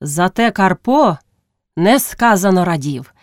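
Expressive woman reading a classic story. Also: lowish voice, takes it slowly, no room sound, studio quality. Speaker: narrator. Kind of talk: audiobook reading of classic prose.

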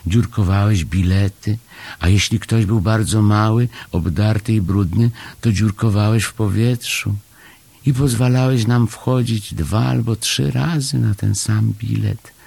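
A man's voice: fairly low pitch, measured pace, creaky, darkish tone, breathy edge, no room sound, voice pushed up, exaggerated voice. A man voicing a small, eager young male hamster in an audiobook story, with earnest, pleading chatter. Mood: earnest, sad. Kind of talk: audiobook character voice.

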